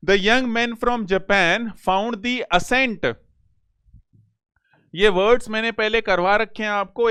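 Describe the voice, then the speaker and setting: A male teacher running a grammar lesson, reading English sentences slowly and then explaining in quick talk, asking his students questions. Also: high voice, a bit bright, smooth, no room sound. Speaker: competitive exam English teacher.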